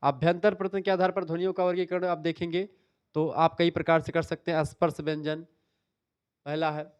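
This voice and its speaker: Man, revision lecture, smooth resonant voice, dry close sound. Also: on the high side, level tone, brisk, no echo, muffled recording. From northern India. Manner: explanatory, repeats "ठीक है" often. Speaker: teacher.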